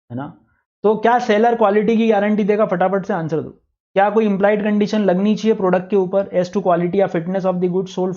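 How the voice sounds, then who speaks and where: High-voiced man lecturing a class. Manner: lively, asks the class for quick answers. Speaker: teacher. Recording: dull lo-fi classroom recording.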